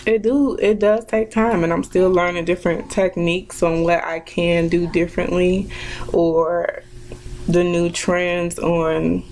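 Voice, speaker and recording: A woman's voice: lowish voice, flat delivery, a little slow, a little mellow, a little hiss or hum, rough recording. A woman in her twenties chatting casually while doing her makeup, reflective and full of fillers and restarts. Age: 20s. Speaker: vlogger. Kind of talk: casual chat during a makeup tutorial.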